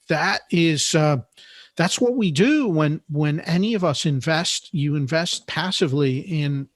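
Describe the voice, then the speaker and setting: Man, somewhat high voice, podcast guest, measured explainer, dry close sound. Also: no room sound. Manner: measured, explanatory, repeats words while thinking. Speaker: podcast guest, note investor. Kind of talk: interview conversation.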